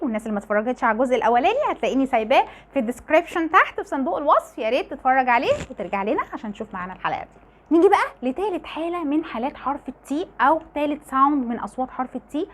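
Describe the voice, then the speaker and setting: A high-voiced woman with an Egyptian Arabic accent teaches an online pronunciation lesson. She talks quickly and with a lively, swooping pitch, repeating each example word as she explains it. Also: slight background noise.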